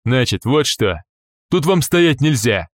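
A man's voice: sits high, very animated, moderate pace, a bit bright, no echo, studio quality, voice pushed up. A man voicing a rude, threatening male caravan guard in an audiobook. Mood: hostile. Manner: barking, threatening.

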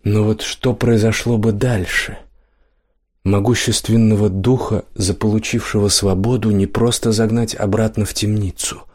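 A man narrating a fantasy audiobook in a steady, even storytelling voice. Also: lowish voice, moderate pace.

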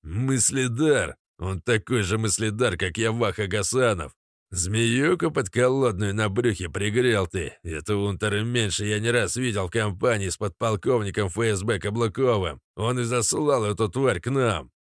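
A man's voice: on the low side, moderate pace, no room sound, clean studio sound, natural voice. A man voicing a furious burly wrestler. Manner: shouting, heated, accusing. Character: furious burly male wrestler shouting accusations.

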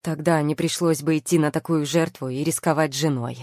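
A cynical, scheming nobleman who sneers and coolly justifies himself, as read by a woman in an audiobook. The voice sits low and mellow. The recording is close and dry. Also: steady tone, fairly quick, no room sound. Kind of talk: audiobook character reading.

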